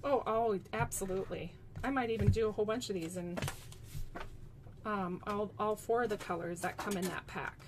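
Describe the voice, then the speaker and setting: A woman's voice: medium pitch, normal speed, background noise. A woman demonstrating card-making in a chatty, casual way, talking to her viewers as friends. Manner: chatty, giggly, talks to viewers as "you guys". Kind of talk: casual craft tutorial.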